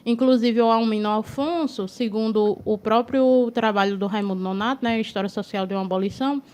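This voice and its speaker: A woman's voice: on the high side, fairly even intonation, a little fast, darkish tone. A woman northeastern Brazil, a guest on a studio talk show, explaining history at length in a lecturing way and often ending with "né". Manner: lecturing, frequent tag "né".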